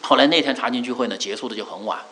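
A middle-aged male preacher giving a sermon, earnest, repeating key phrases with drawn-out fillers. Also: medium pitch, sharp tone, slight background noise, low-quality recording.

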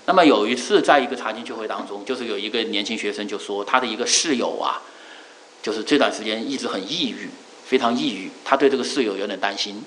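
A middle-aged male preacher giving a sermon, earnest, repeating key phrases with drawn-out fillers. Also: lowish voice, fairly bright tone, slight background noise, low-quality recording.

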